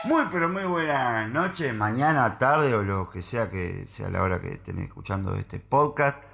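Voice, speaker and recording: A man with a Rioplatense accent hosting a podcast, delivering a comic monologue full of deliberate stumbles and wordplay. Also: lowish voice, lively intonation, creaky, pushed and bright, faint music behind. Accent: Rioplatense Spanish. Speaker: podcast host.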